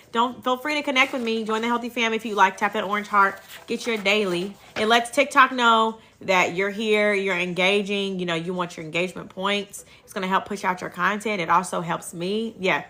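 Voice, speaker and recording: A woman with a Kentucky accent and a very bright, forward voice. She hosts a casual livestream in a folksy, chatty way, with a middle-range pitch, dropping thanks to viewers into her talk. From Kentucky, United States. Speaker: livestream host and herbal health seller.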